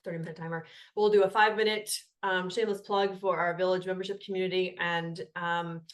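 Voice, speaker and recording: A woman hosting a casual live group coaching call over video, excitable, laughing at her own slips and swearing freely. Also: lowish voice, fairly quick.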